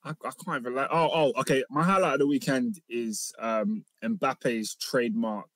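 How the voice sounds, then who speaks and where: A man's voice: mid-range voice, steady tone, normal speed, a bit bright, no room sound. A man with a London accent co-hosting in casual, opinionated banter, repeating his points emphatically. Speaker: podcast co-host, football fan.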